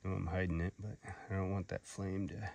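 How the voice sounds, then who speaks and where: In this muffled clip, a product reviewer shows off fire starting outdoors, his low-pitched voice delivered flat and brisk with a darkish tone. He rambles in a hesitant, folksy, unscripted way and swears now and then, over a clearly noisy recording full of clicks.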